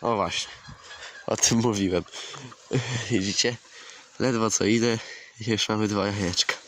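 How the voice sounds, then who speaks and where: A man's voice: on the low side, steady tone, a little slow, a bit bright. A man vlogging casually in his farmyard, chatting to viewers and coaxing and scolding his chickens, swearing now and then. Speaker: poultry keeper vlogger. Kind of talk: casual outdoor vlog. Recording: outdoor camera audio, clear farmyard noise. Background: clucking hens and a crowing rooster.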